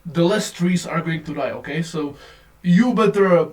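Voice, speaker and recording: A man's fairly high voice rants on in a casual, profane, rambling way. It sounds like a low-quality phone recording, with the speaker set some way off from the mic. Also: moderate pace, darkish tone, far from the mic. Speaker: vlogger. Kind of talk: casual rant to camera.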